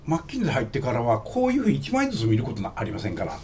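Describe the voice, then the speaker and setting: A man's voice: medium pitch, racing, slight background noise. A man with a Kansai accent who tells stories in a joking, casual way as an interview guest. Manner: joking, animated storyteller. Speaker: interview guest, company founder. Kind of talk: casual storytelling in conversation.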